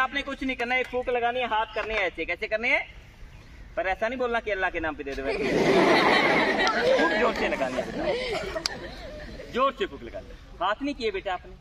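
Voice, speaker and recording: A man with a Haryanvi accent performing a live magic show for students, coaxing and teasing his volunteers. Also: high-pitched. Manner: coaxing, teasing, calls everyone "beta". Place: outdoors at a school gathering. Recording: outdoor crowd noise around the voice.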